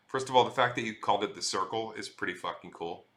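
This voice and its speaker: A man's voice: on the low side, fast, fairly bright tone. A middle-aged man chatting casually on a live stream, reading viewer messages aloud and swearing freely.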